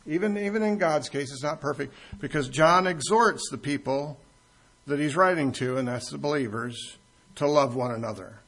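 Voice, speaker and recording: A male pastor with a fairly high, fairly bright, slightly rough voice preaches at a normal speed. The expository sermon mixes teaching with anecdotes, and his tone toward the congregation is conversational and joking.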